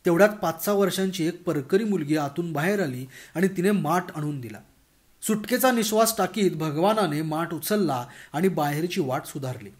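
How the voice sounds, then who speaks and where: A man reading a humorous story aloud in a lively, expressive narrating voice. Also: on the high side, moderate pace.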